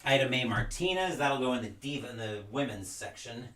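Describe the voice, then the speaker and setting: A young collector unboxes wrestling game cards, chatting casually as he reads names aloud while sorting and wanders into side stories. His mid-range, slightly bright voice is fairly quick with lively intonation, sounding a bit distant from the mic in a noticeably echoey room.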